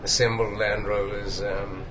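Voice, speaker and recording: A man's voice: on the low side, flat delivery, a little slow. An older man from Zambia, a cardiologist recalling his background thoughtfully with many fillers. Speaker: cardiologist guest. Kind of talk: reflective conversational interview. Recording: dull, noisy conference recording.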